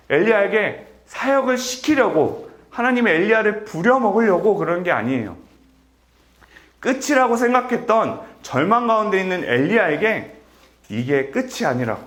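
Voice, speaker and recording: A man in his thirties delivers a sermon with earnest feeling. His somewhat high voice moves through a wide, lively pitch range, swelling on emphatic points and dropping soft and low on tender ones. The sound rings in an echoey church hall. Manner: earnest, rises to emphatic peaks then drops soft. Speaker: preacher. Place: church sanctuary.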